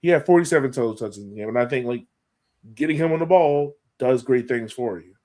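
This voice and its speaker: Here an American sports podcast co-host talks fast in a warm, medium-pitched voice. He picks apart a match with colloquial emphasis, restating his points to stress them.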